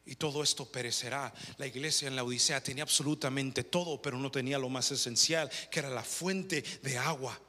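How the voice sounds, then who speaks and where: Predicador fervoroso con mucho eco. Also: male voice, steady tone, a little fast, few pauses. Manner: rising to loud, high fervor when retelling scripture. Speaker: preacher. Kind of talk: sermon. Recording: long reverb of a large hall.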